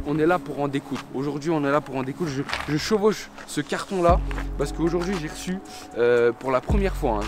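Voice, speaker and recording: A man vlogging casually in French street slang, addressing viewers as mates while presenting a product. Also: medium pitch. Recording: music behind the voice.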